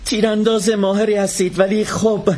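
A man's voice: high voice, level tone, darkish tone, a little hiss or hum, natural voice. An actor playing a timid young man who stammers, pleads and protests in a dubbed drama. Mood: frightened pleading. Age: young adult. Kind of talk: classic Persian dubbing.

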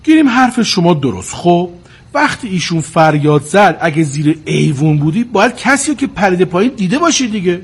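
Man, actor as inn manager, calming and questioning, high husky voice, lively pitch. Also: full character voice. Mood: mediating. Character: calm male inn manager mediating a dispute.

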